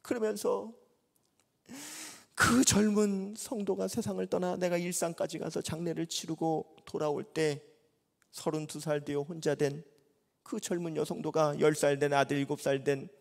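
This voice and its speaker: A man's voice: a little high, flat delivery, moderate pace, vocal fry. A middle-aged man preaching a sermon at a revival meeting, telling a story dramatically and acting out the dialogue. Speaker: pastor. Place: church sanctuary. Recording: long reverb in a large church hall.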